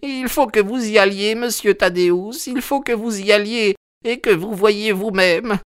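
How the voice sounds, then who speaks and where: A man voicing an old, anxious female housekeeper in a high, shaky falsetto for an audiobook. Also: unhurried, fairly bright tone, clean tone, no room sound, studio quality. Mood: worried. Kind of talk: audiobook character voice.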